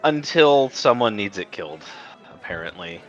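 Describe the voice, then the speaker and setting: A man playing a tabletop game, talking hesitantly with halting restarts. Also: fairly low pitch, lively intonation, a bit bright, lo-fi sound, a faint crowd. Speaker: player. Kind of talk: tabletop role-play.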